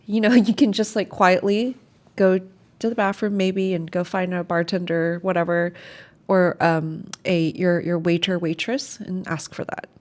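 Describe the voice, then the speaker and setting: A woman's voice: fairly low pitch, steady tone, measured pace. Supportive woman in casual chat. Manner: supportive, reacts with short interjections.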